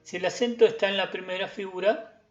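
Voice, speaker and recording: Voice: medium pitch, fairly even intonation, fairly quick, highs cut off. A music teacher giving a recorded lesson, patiently chanting example words syllable by syllable.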